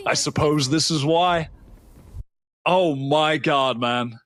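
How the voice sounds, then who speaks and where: A man's voice: fairly high pitch, slow, a bit bright, dry recording. A man doing esports color commentary, breathless and stammering, laughing in disbelief at the plays. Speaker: esports caster.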